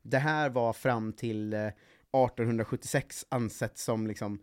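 A man's voice: mid-range voice, fairly even intonation. Podcast host, man in his twenties, mid-range voice, loose rambling delivery full of fillers and jokes. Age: 20s. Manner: rambling, jokey, many fillers. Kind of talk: casual joking chat.

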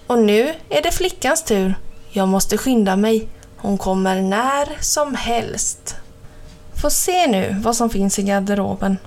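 A woman's voice: mid-range voice, lively intonation, a little mellow, lightly acted. Woman reading as a sly gloating wolf. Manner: gloating, drawn-out sly delivery. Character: sly hungry male wolf. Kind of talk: storybook reading.

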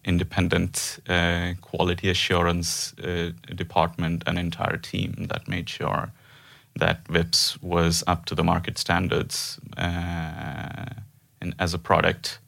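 A man in his thirties from India, a developer guesting on a company podcast, talks casually with lots of fillers and restarts, hesitating and laughing often. His voice is deep, gravelly and a bit bright, delivered completely flat at a slow pace. His first language is an Indian language, not Norwegian.

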